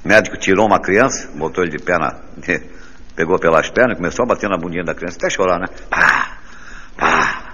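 A man telling bawdy jokes live on stage as a stand-up comedian, animated and quick to slip into character voices. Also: deep voice, husky, highs cut off. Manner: bawdy, animated storyteller who jumps between character voices. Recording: live stage recording in a reverberant hall with audience.

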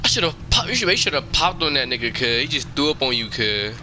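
A man's voice: medium pitch, sing-song, fairly quick, over music. A man giving casual, slangy commentary on a horror game, talking informally to the game and viewers.

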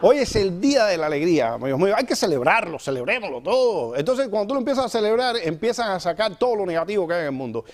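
A man hosting a comedy show, telling jokes in an animated storytelling style. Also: high voice, quick pace, few pauses. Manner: joking, animated storytelling with acted-out voices. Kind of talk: stand-up style comic monologue.

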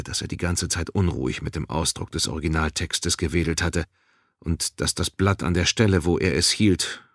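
A man reading a fantasy audiobook in a lively, expressive way. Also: very deep voice, no room sound, studio quality. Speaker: audiobook narrator. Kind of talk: scripted audiobook narration.

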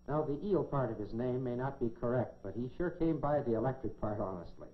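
A middle-aged American man in a lab coat presents a scripted 1950s educational science film on an indoor laboratory set, folksy and dryly humorous. His mid-range voice moves briskly. The dull 1950s film soundtrack is clearly noisy.

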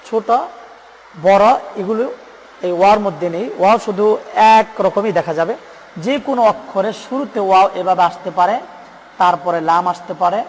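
A man with a Bangladeshi Bengali accent teaching Quran pronunciation, patiently repeating letter names slowly for learners. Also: high-pitched, big-room sound, a little hiss or hum. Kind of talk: step-by-step pronunciation lesson.

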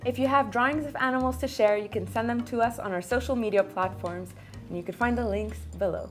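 A woman's voice: on the high side, fairly quick, faint music behind. A young woman talking casually as a contestant in a studio drawing game. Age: young adult. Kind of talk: casual chat. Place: small indoor studio set.

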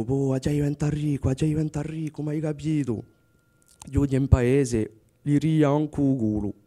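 A young man with a Corsican accent telling a folk tale and acting out its characters with shifts in his voice. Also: mid-range voice. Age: young adult. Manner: lively, acts out characters with voice shifts. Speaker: student storyteller.

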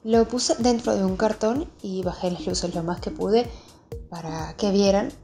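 A woman's voice: mid-range voice, measured pace, dark tone. A woman hosting a children's channel, narrating a craft tutorial in a friendly way, speaking straight to young viewers. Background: music behind the voice.

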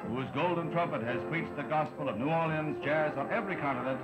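Old newsreel announcer over loud music. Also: male voice, a little high, quick pace, rough recording. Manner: announcer's flourish. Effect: old newsreel soundtrack with music. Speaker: newsreel narrator.

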